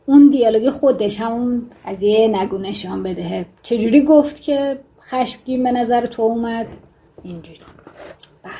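A woman's voice: fairly high pitch, warm tone. A woman teaching fiction writing in a casual, chatty way, wandering off into joking asides. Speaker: writing instructor.

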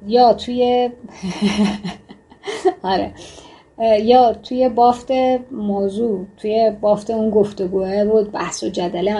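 A woman's voice: on the high side, warm tone. A woman teaching fiction writing in a casual, chatty way, wandering off into joking asides. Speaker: writing instructor.

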